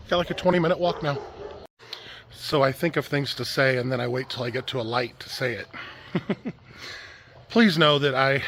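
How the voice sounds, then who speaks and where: A man's voice: mid-range voice, a bit bright. A man vlogging as he walks along a town street at night, chatty and self-amused, a little out of breath. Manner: chatty, self-amused, talks while walking. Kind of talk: casual walk-and-talk vlog. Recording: street noise and passing traffic.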